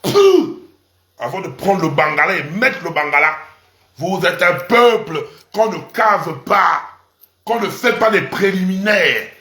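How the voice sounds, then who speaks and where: A man's voice: high-pitched, animated, unhurried, sharp tone, echoey room. A man delivering a crude, provocative rant that mocks his audience and repeats syllables for emphasis. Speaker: online commentator. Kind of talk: mocking rant to camera.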